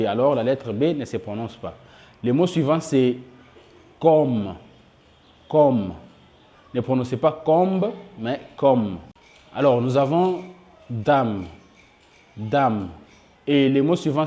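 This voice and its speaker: A man gives a patient pronunciation lesson in a warm, mellow voice. He repeats each example word slowly and speaks to his viewers as friends. His pitch sits in an ordinary middle range. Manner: addresses viewers as dear friends. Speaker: English pronunciation teacher. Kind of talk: spoken lesson for French speakers.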